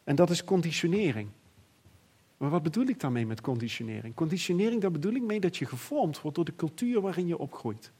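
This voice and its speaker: A middle-aged man preaching a sermon in an earnest, reflective way, often pausing and restarting. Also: a little high, animated, a little mellow, husky.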